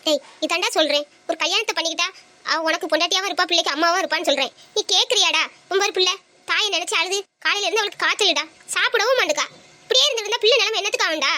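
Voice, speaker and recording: In a home drama scene, a woman plays the father's mother, a worried grandmother who scolds her grown son and keeps pushing him. Her voice is extremely high, sharp and racing, and her manner is insistent.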